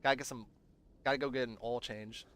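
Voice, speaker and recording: A clear, resonant, fairly bright mid-range voice belongs to a young streamer from Southern Virginia whose accent loosely mixes American varieties. He talks fairly quickly in a steady tone, rambling casually on his gaming livestream, responding to chat and trailing off.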